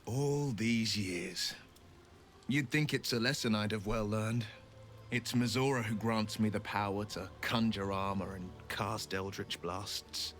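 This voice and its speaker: A man's voice: lowish voice, fairly even intonation, unhurried, fairly bright tone. An actor voicing a noble male warlock hero from a video game, with a proud, earnest delivery. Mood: bitter.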